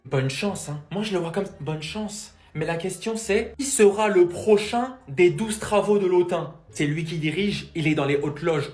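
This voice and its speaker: A man giving casual, opinionated football commentary, full of rhetorical questions and direct appeals. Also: a little high. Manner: rhetorical, addresses players directly. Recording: echoey, roomy sound.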